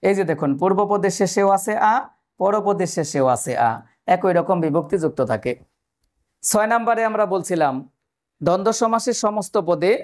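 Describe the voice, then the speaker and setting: High-voiced man teaching grammar. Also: darkish tone. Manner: explains step by step, asks the viewers questions. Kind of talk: exam-prep grammar lesson.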